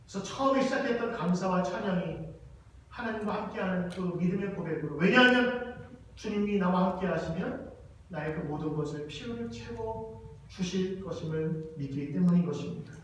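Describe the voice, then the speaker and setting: A man, a pastor, giving a sermon and reading scripture slowly and with emphasis. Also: high voice, fairly bright tone. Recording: echoey church hall from far off.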